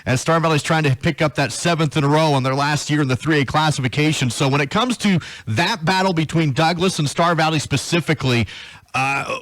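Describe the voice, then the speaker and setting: A man's voice: on the high side, fairly bright tone, no echo, low-quality recording. An American man hosting a sports radio interview, setting up questions for his guest.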